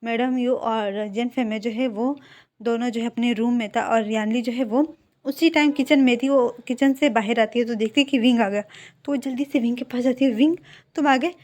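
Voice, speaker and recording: A woman retells a fan story in a loose, conversational way, filling her sentences with little fillers. Her voice sits a bit high for a woman. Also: steady tone, moderate pace, a little mellow. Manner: chatty, filler-heavy retelling. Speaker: fan fiction narrator. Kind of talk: casual story narration.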